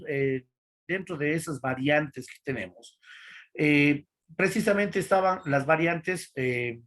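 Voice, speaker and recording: A male teacher, giving an online class lecture in an explanatory way, with frequent fillers and tag questions. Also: a little high. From Ecuador.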